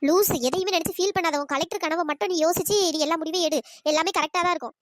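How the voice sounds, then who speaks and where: A woman's voice: very high voice, no echo. Cartoon role: loyal young village friend, dry close voice, pleading and coaxing, a woman voicing her. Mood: reassuring. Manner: pleading, fast coaxing chatter. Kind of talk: cartoon voice acting.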